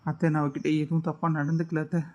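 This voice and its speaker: A woman's voice: low-pitched, little pitch movement, quick pace, darkish tone, lo-fi sound, voice pushed down, natural voice. A woman voicing an accused young man in a cartoon drama, who insists he is innocent. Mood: bewildered. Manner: bewildered, insistent denials.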